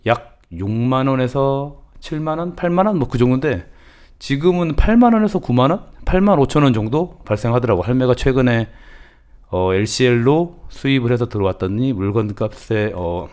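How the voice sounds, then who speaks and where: A man's voice: medium pitch, darkish tone. A middle-aged man with a lilt, teaching import cost calculation in a folksy, casual way that calls himself grandma. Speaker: channel host teaching importing. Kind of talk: casual instructional talk.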